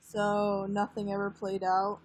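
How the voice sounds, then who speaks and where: A woman's voice: medium pitch, completely flat delivery, measured pace, poor audio. An eighteen-year-old woman chatting casually on a livestream, laid-back and swearing offhandedly. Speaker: livestream guest. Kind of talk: casual chat.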